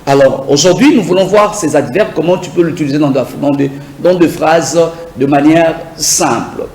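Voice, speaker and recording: A man teaching a beginner English lesson, drilling words slowly and having viewers repeat after him. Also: fairly high pitch, a little mellow, roomy sound, low-quality recording. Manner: slow, repetitive drilling, asks viewers to repeat.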